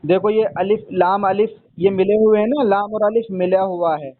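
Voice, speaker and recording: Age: adult. Sex: man. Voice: high. Role: patient teacher. Sound: tinny phone-line recording. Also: steady tone, moderate pace, slight background noise. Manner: patient, repeats points, calls the student son. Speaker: Arabic reading teacher. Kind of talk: one-on-one lesson.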